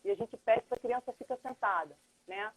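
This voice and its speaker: A woman's voice: a little high, normal speed, a little hiss or hum. A middle-aged woman, a lawyer and mediator explaining things earnestly as a guest in a live chat, thinking aloud. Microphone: phone or computer on a video call. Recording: tinny phone-like livestream audio.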